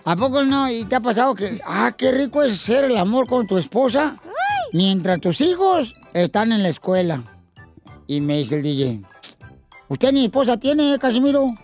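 High-voiced joking radio host. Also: male voice, animated, moderate pace, faint music behind. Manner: loud playful storytelling in Mexican slang.

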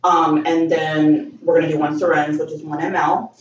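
A woman's voice: sits low, level tone, normal speed. A woman guest, a cosmetic injector, explaining her work casually in an interview. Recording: echoey room, distant dull mic, faint noise.

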